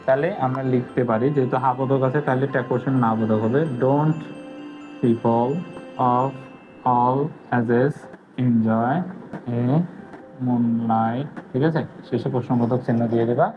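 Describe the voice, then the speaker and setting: A male teacher walks students through a whiteboard grammar lesson, asking questions and answering them himself. He drags out key words and repeats them slowly. His voice sits in a middle pitch, and the audio is narrow and tinny like a phone line, with faint music underneath.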